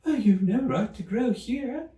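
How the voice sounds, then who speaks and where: A man's voice: very high voice, lively intonation, unhurried, warm tone, voice pushed up. A man voicing a sleepy, peevish little male dormouse who grumbles, in a storybook reading. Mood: sulky. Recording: roomy, slightly distant microphone.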